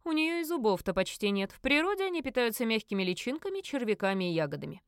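A woman voicing a calm, condescending middle-aged male inquisitor and father in an audiobook, speaking slowly. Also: on the high side, clear, resonant tone, no echo, studio quality.

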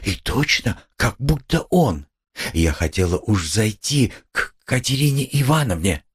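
A man's voice: on the low side, sing-song, measured pace, breathy edge, voice pushed up, full character voice. A man voicing a timid, pious poor young woman who pleads in a trembling, tearful way. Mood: shy. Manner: trembling, tearful, eager to defend.

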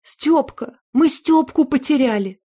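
A woman voicing a frantic mother who shouts and scolds in a high, shrill voice in an audiobook story. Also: expressive, normal speed, breathy edge.

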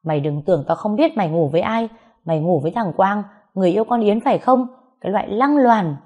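A woman's voice: medium pitch, fast, darkish tone, natural voice. A woman voicing an abusive middle-aged mother who screams insults at her daughter in an audio story. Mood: furious shouting. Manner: screaming insults, harsh and scolding.

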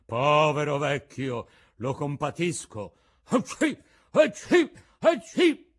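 A man growling as a booming gruff puppet master. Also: lively intonation, slow pace. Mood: blustering gruff. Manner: booming, gruff, sneezing loudly. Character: gruff bearded male puppet master, blustering but softhearted.

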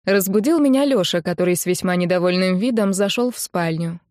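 A woman narrating a first-person novel in an even storytelling delivery as an audiobook narrator. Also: on the low side, fairly quick, no room sound, clean studio sound.

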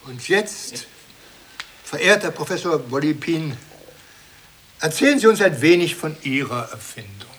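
An actor playing a pompous presenter in an absurdist comic drama, speaking in a formal, lecturing manner. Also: male voice, a little high, big pitch swings, unhurried, pauses often, fairly bright tone, slight background noise. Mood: ceremonious. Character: pompous male presenter of absurd learned characters.

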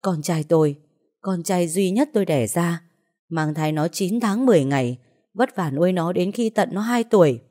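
A woman's voice: fairly low pitch, normal speed, lightly acted. Woman voicing a furious grieving mother. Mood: furious, anguished. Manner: shouting accusations.

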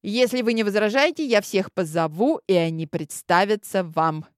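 A woman's voice: medium pitch, normal speed, no room sound, clean studio sound, natural voice. A woman voicing a weary, restrained court lady with formal manners in a fantasy audiobook. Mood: polite formal. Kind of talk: audiobook character voice.

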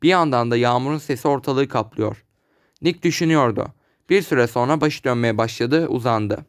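A man narrating an audiobook in a steady storytelling manner. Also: medium pitch, normal speed, no echo, clean studio sound. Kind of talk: scripted narration.

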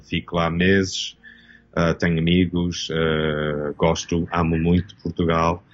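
A man's voice: deep voice, level tone, slow pace, dull audio. A Canadian-born man in his fifties, a costume designer speaking as an interview guest, hesitant and searching for words with many restarts. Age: 50s. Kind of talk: casual interview talk.

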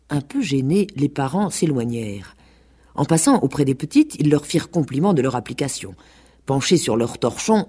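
Woman narrator, radio fiction, expressive, lively pitch, husky. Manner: expressive storytelling.

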